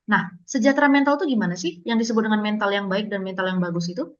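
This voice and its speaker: A woman's voice: medium pitch, fast, dull audio. A woman giving a casual webinar talk on emotional wellbeing, chatty and encouraging, acting out little dialogues and laughing often.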